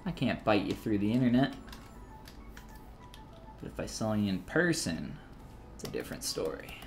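A man's voice: lowish voice, big pitch swings, moderate pace, vocal fry, faint music behind. A man in his thirties, talking casually and joking while he teaches 3D sculpting on a live stream, reading chat messages aloud between steps.

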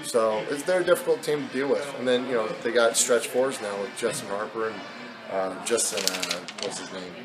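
In a postgame press interview in front of an indoor arena backdrop, a basketball head coach in his thirties speaks candidly and with many fillers. His voice is on the low side and fairly quick, and the recording is rough.

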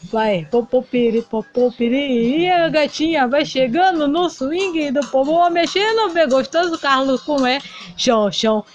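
A woman's voice: sits high, animated, unhurried, highs cut off, soft background music. A woman voicing a heartbroken male doll singer in a toy play video, melodramatic and sing-song. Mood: showy singing.

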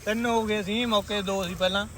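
A man's voice: high voice, fairly even intonation, brisk, a crowd in the background. A young man, bantering casually and teasing his friends.

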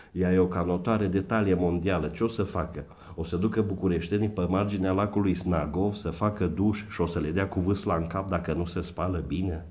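A man's voice: sits low, darkish tone. A man delivering a satirical comedy monologue, mocking and sarcastic, full of puns. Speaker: satirical commentator.

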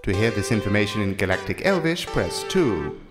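A formal automated announcer declaims with long reverb over loud guitar music. The voice is slightly low, as scripted narration in an audio drama. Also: male voice, sing-song, brisk. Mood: formal, informative. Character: automated information point, formal recorded announcer.

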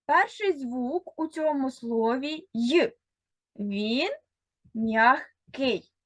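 A woman teacher giving a recorded reading lesson to first graders. She speaks slowly and carefully, sounding out words one by one, and talks straight to a single child, pausing for answers. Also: high-pitched, animated, fairly bright tone, no room sound. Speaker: primary school teacher.

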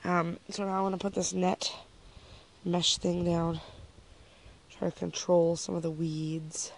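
Chatty woman vlogging with a creaky voice. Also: fairly low pitch, level tone, unhurried, slight background noise. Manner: chatty, shows around garden and lunch to camera. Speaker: family vlogger. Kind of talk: casual vlog narration. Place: home and backyard garden, outdoors at times.

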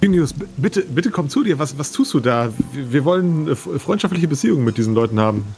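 A man's voice: fairly high pitch, expressive, fast talker, a little mellow, faint music behind. A man voicing a small, anxious Egyptian companion who stammers and pleads. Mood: pleading.

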